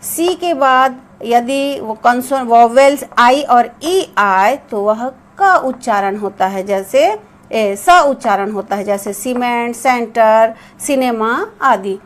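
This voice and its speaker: A woman's voice: fairly high pitch, slow. A woman teaching a classroom-style lesson, spelling out letters and repeating sounds for emphasis. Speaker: English teacher.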